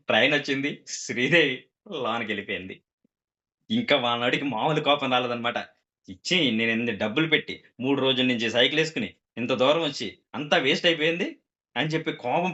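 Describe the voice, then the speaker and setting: A man's voice: medium pitch, pushed and bright, muffled recording. A man telling a comic story to a group, acting out the characters' quoted lines.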